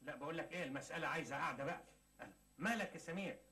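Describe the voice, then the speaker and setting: A cheeky joking Egyptian clerk. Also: male voice, on the high side, racing, pushed and bright. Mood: teasing. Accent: Egyptian Arabic. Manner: teasing, joking, laughs at his own jokes. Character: cheeky joking office clerk, grown man. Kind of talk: 1980s Egyptian TV sitcom acting.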